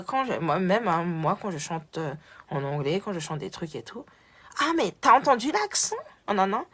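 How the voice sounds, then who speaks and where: A woman speaks casually into her phone during a live stream, talking straight to her viewers. She moves back and forth between French and Malagasy and greets people in the chat by name. Her speech is loose and unscripted, full of restarts and repeated words. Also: mid-range voice. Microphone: phone on a social live stream.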